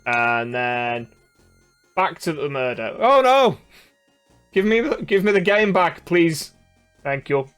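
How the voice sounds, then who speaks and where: A man's voice: fairly high pitch, a bit bright, smooth. A man playing a game and joking through it as a let's play co-host. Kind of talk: casual game commentary.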